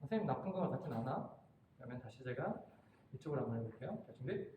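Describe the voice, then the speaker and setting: A man's voice: medium pitch, expressive, fast talker, lo-fi sound. A man instructor leading a hands-on workshop demonstration, directing and coaching volunteers. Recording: very echoey room, faint room noise.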